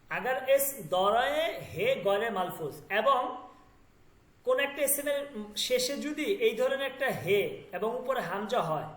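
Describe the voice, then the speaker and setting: A man with a Bangladeshi Bengali accent teaching an online language lesson, explaining step by step and often checking that students understand. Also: very high-pitched. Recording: echoey room.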